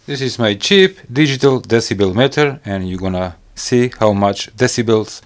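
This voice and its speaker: A man with a lowish, animated voice talks at a normal pace over loud background music. He hosts a gadget review channel and is doing a casual hands-on product review in English with non-native phrasing.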